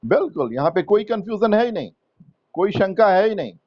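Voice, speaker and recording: A man teaching English grammar to students, slow and patient, repeating words and quizzing the class. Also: high-pitched, big pitch swings, no echo, lo-fi sound. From India. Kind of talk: Hindi-English grammar lesson.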